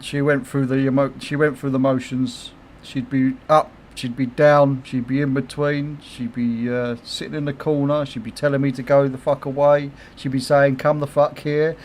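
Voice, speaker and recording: A man's voice: medium pitch, level tone, moderate pace, hardly any pauses, darkish tone, slight background noise. Swearing, chatty man streaming. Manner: chatty, swears freely, laughs often, reads chat comments aloud. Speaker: game streamer. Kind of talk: casual livestream chat.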